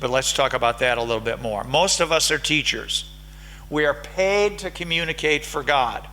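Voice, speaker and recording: An American man with a bright, forceful, slightly high voice delivers an academic conference lecture. He keeps the room involved by polling the audience with questions. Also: normal speed, low-quality recording. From United States. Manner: engaging, polls the audience with questions. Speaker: conference speaker. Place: lecture hall.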